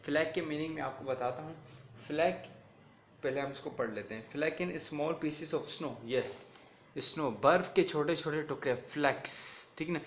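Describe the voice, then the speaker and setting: Teacher mixing Hindi-Urdu and English. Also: male voice, a little high, a bit bright, a little hiss or hum. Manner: mixes Hindi-Urdu with English, repeats "ठीक है ना" often; reads English lines slowly, then explains them. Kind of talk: classroom lesson explaining an English poem. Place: recorded video lecture.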